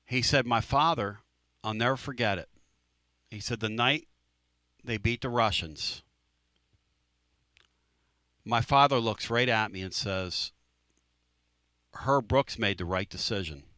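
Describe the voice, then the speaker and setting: A man's voice: medium pitch, unhurried, pauses often, pushed and bright, no room sound. A man hosting a sports talk radio show, telling a story in a casual, emphatic way and repeating phrases.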